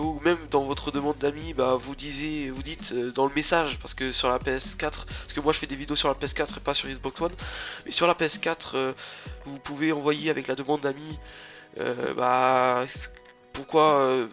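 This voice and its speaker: This young man sounds stuffy and nasal from a cold, his voice fairly high and bright. He rambles casually through an introduction to his gaming channel, full of fillers and restarts.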